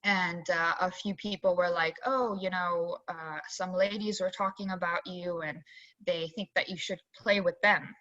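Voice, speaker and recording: A young woman from Zambia, an assistant golf coach, telling her story in a chatty, animated way full of fillers on a video call. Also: fairly low pitch, a little slow. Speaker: assistant college golf coach, interview guest. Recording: dull lo-fi video call audio.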